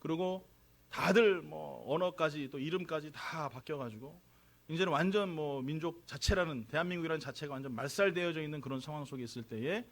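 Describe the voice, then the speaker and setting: In the church sanctuary, a pastor from Korea gives a chatty, joking sermon and draws answers out of the congregation with his questions. He speaks briskly, at a fairly high pitch.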